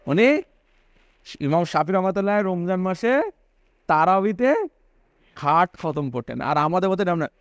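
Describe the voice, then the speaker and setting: A man's voice: high-pitched, lively intonation, unhurried, pauses often, smooth, no room sound. A man giving a religious sermon, repeating phrases for emphasis and asking his listeners questions. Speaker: preacher.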